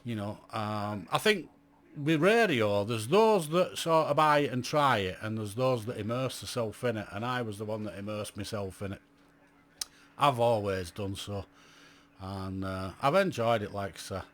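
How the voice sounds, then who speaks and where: Talking to camera at a normal pace, this man in his late fifties looks back on amateur radio with blunt, chatty candor, describing himself as grumpy and saying "you know" often. His voice is lowish, animated and a bit bright.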